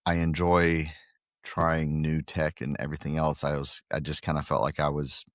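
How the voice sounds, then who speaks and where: A man's voice: a bass voice, completely flat delivery, moderate pace, no echo, clean studio sound. A middle-aged man from Guatemala, a facility owner talking earnestly in a casual interview, with many fillers and restarts. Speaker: pickleball facility owner and podcast guest.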